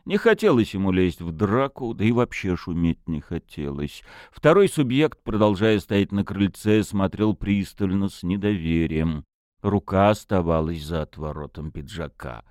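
Male storyteller, expressive audiobook narration, lively intonation, dry close sound. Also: low voice, normal speed, dry recording.

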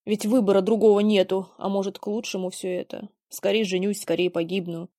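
A young son acted by a woman, weary of the world and resigned to gloom. The mellow voice recites mournful rhymed verse theatrically, recorded dry. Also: mid-range voice, flat delivery, fairly quick, dry recording, lightly acted. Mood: brooding. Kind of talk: dramatic verse play reading.

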